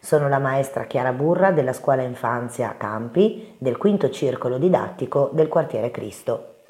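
A woman preschool teacher reading a bedtime story aloud to children, gentle and expressive. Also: extremely low pitch, moderate pace.

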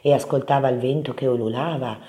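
A woman preschool teacher reading a bedtime story aloud to children, gentle and expressive. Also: very deep voice, a little fast.

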